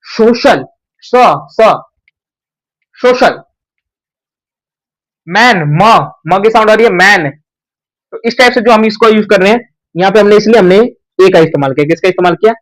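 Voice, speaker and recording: A man's voice: sits high, fast talker, poor audio. A young man teaching an English grammar lesson at a board, who asks the class questions and answers them himself.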